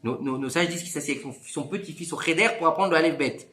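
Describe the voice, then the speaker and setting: A man's voice: quick pace, reverberant. A man teaching a Torah class, telling a story and acting out its dialogue. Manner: animated, acts out dialogue with big pitch swings. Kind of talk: lively storytelling Torah lesson.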